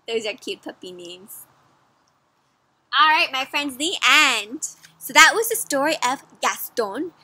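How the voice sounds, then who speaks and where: At a measured pace and with no echo, a bright, high-voiced young woman reads a picture book to children outside in a yard or garden. She engages them with lively, teacherly questions and speaks to them like friends.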